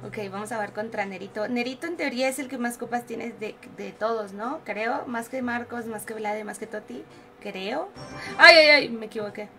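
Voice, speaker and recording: A young Mexican woman with a Mexican Spanish accent streaming a game, excitable and giggly as she banters with her teammates. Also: fairly high pitch, normal speed, faint music behind. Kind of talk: live gaming commentary.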